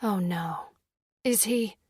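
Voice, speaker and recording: A warm, lively young mother, played by a woman reader, outspoken and quick with affection. Her fairly high voice is heard in a dry, close storybook recording. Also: dry recording, lightly acted. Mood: gentle.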